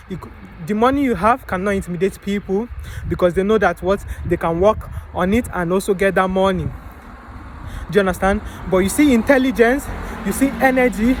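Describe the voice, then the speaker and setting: Slight background noise sits behind this young man's high voice as he gives a casual motivational talk. The vlogger gets preachy, fields his own rhetorical questions, and keeps addressing the listener as "bro" and "man."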